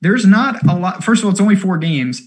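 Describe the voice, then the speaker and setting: A man co-hosting a fantasy basketball strategy show, talking casually in quick, animated bursts with lots of fillers. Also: high-pitched. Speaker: co-host of a fantasy sports show. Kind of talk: casual analytical chat.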